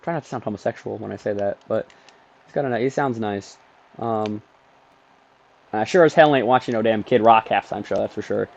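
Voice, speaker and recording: A young man casually commentating his football video game from his bedroom, rambling between plays and getting excited over big moments, sounding sleepy. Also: on the low side, brisk, vocal fry, long pauses, lo-fi sound. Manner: rambling, excitable play-by-play with frequent ums. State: sleepy, yawning. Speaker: gaming streamer.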